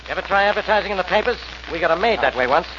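An actor playing a sarcastic, blustering police homicide inspector in a 1940s radio crime drama. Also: male voice, sits high, lively intonation, very fast. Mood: mocking. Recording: dull old radio recording, faint noise.

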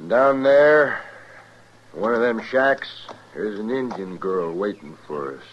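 An actor playing a nervy, aggrieved American frontiersman in a radio western, halting and folksy in his talk. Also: on the low side, lively intonation. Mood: grim. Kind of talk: old-time radio western acting. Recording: noisy, muffled old radio recording.

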